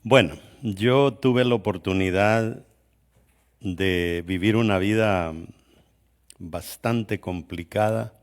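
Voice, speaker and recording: A man's voice: on the low side, slow pace. A middle-aged man from El Salvador, a guest pastor telling his life story in a sermon with a conversational manner and frequent restarts. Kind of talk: sermon testimony.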